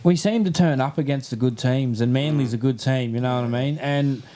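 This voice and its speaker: A man's voice: mid-range voice, brisk, dark tone. An Australian man co-hosting a casual rugby league podcast, chatting in a repetitive, stumbling, matey way. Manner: repetitive, stumbling, often says "you know what I mean". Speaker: podcast host.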